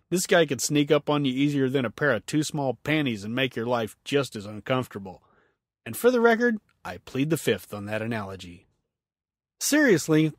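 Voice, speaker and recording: Jokey man hosting a podcast, lively pitch. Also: no room sound, studio quality. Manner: jokey, self-mocking, laughs often. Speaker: podcast host. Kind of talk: solo podcast monologue.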